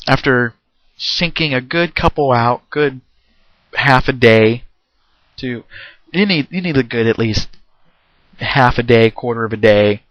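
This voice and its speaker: A man giving a casual, rambling spoken review of a video game, with many fillers and restarts and frequent throat clearing. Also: medium pitch, a bit bright, dry recording. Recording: dull, lo-fi home recording.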